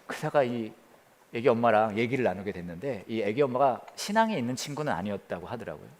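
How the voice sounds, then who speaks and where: A man preaching as a pastor, telling a story with quoted voices and dropping to a hush near the prayer. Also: medium pitch, sing-song, fast talker, big-room sound. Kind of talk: sermon. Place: church during the pandemic.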